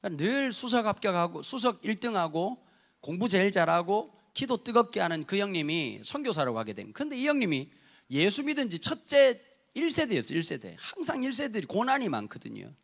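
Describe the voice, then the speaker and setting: A pastor in his fifties from Busan, preaching a sermon in a lively, humorous storytelling way and speaking straight to his congregation. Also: high-pitched, fairly quick, vocal fry. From Busan, South Korea.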